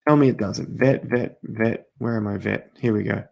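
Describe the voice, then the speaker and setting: A man hosting a casual crypto livestream, talking straight to viewers as he walks through charts, his voice going hoarse with coughs. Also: on the low side, steady tone, normal speed, darkish tone. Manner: chatty, talks straight to viewers while walking through charts. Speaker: crypto market host.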